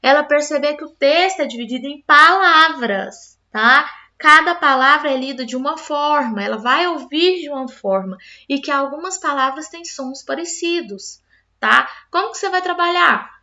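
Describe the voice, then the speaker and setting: A woman with a high, bright voice explains a lesson patiently, moving step by step and checking in with her listeners. The recording sounds a little dull and lo-fi. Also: animated, moderate pace. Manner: patient, explains step by step with frequent "tá?" tag questions. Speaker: teacher.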